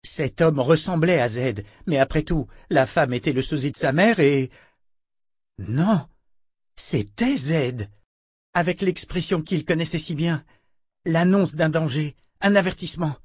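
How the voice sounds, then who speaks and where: A man's voice: a little high, measured pace, slightly rough, no room sound. Man reading fantasy in a dry booth. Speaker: audiobook narrator. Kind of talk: scripted fantasy narration.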